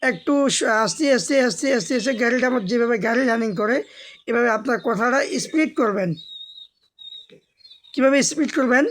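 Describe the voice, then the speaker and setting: A woman teaching Quran reading. She spells each word letter by letter, chants the words slowly and drawn out, and explains patiently and repetitively to her learners. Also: on the high side. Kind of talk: step-by-step recitation lesson.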